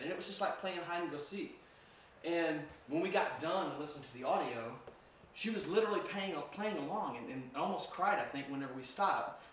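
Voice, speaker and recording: Man presenting to a crowd, slightly high voice, chatty and laughing, distant echoey recording with background noise. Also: fairly bright tone. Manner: chatty, laughs often, repeats words. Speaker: filmmaker and ghost hunter giving a talk. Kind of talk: casual presentation to a live audience.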